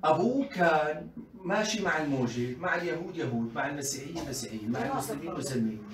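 A man giving an animated colloquial lecture on parenting to mothers, full of rhetorical questions and acted-out quotes. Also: a little high, fast talker. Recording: echoey room, voice from a distance.

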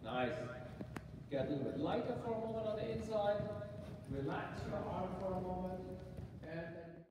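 A middle-aged riding clinic instructor with a high voice coaches a rider live at a moderate pace in a large indoor riding arena. He gives short, encouraging instructions and patient explanations. A spectator's camera records him from some distance, so the hall sounds echoey with loud background noise.

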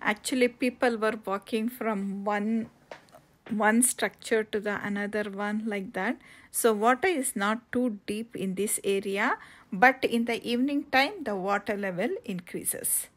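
A woman narrating a casual travel vlog outdoors on coastal cliffs, halting with many fillers and restarts. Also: mid-range voice. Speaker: travel vlogger.

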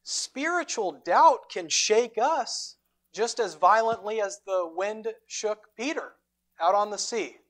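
A man preaching a sermon as pastor, retelling a scripture story with dramatic emphasis and deliberate pauses. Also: sits high, expressive, a bit bright. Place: church sanctuary.

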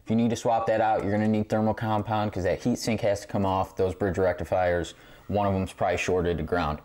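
A pinball repair video host speaks fairly quickly in a lowish, slightly mellow voice with little pitch movement, giving a casual hands-on tutorial. He's indoors in a game room among arcade machines, recorded on a tripod camera mic a short distance away that picks up clear background noise and clicks.

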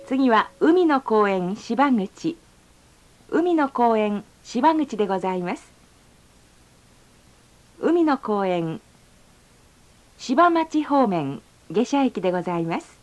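A woman reading a polite, formal onboard train announcement, slowing down to stretch out each station name. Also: fairly high pitch, big pitch swings. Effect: recorded onboard train announcement. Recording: slightly dull lo-fi sound.

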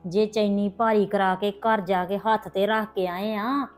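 Soft music plays as a middle-aged woman, cast as a worried mother, visits her sister-in-law to plead anxiously for help in a hobby village family drama vlog. She speaks unhurriedly at medium pitch, with fairly even intonation, much like an everyday voice.

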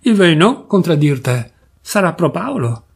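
A man's voice: fairly high pitch, sing-song, measured pace, gravelly, husky, exaggerated voice. A man voicing a tipsy, insistent old man from Turin with a strong Piedmontese accent and a slurred, blustering delivery. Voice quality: slurred, shouting dialect.

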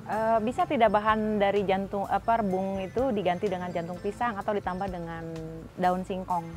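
A woman's voice: medium pitch, steady tone, brisk. A woman in the audience asks a question in a hesitant way. She is heard from some distance at an outdoor event, with light music in the background. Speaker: audience member.

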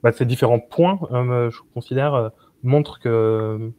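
A young man hosting and moderating a video call discussion from a small room at home. He talks hesitantly and fills his sentences with many pauses and fillers. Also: mid-range voice, steady tone, phone-quality sound, crowd noise. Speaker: host and moderator.

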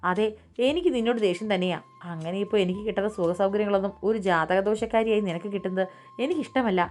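A woman's voice: mid-range voice, fast, natural voice. A woman voicing a jealous, spoiled young woman hurling insults. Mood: angry. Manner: sharp, shouting insults.

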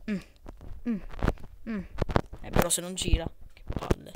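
A man's voice: high-pitched, fairly even intonation, a little slow. A young man with an Italian accent giving casual, emphatic, exclamatory gameplay commentary full of slangy complaining. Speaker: gamer recording gameplay for videos. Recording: very noisy mobile screen recording with clicks.

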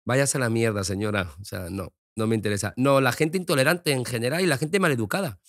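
A man's voice: medium pitch, quick pace, dry recording, studio quality. Frank, outspoken middle-aged man. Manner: frank, expressive, swears freely. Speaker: interview guest. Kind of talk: casual interview chat.

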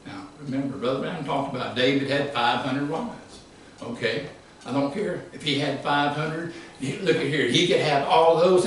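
A man preaching a sermon, emphatic, rising to shouts and dropping low. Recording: echoey hall from far off.

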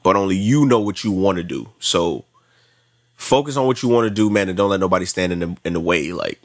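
A man in his late twenties from South Florida, a track athlete appearing as a podcast guest, chats casually with an American accent and repeats himself for emphasis. His voice sits low, with lively intonation and a fairly quick pace.

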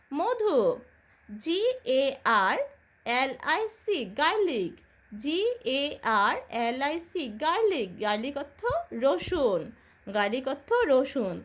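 High lively Bangladeshi woman teacher. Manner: slow, drilling, spells words letter by letter; asks and answers own questions. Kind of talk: children's English lesson.

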